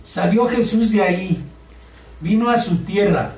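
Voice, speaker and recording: A man's voice: sits high, a little slow, a little mellow. A man preaching a sermon as pastor, asking his congregation questions and mimicking complainers in a whiny voice. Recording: echoey room, distant mic, faint ambience.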